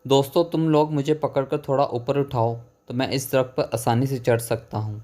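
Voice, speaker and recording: A man's voice: medium pitch, fairly even intonation, darkish tone, lightly acted. A man voicing a hot-tempered, easily scared young male friend in a narrated horror story, blustering and threatening. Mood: eager. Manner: blustering then stammering.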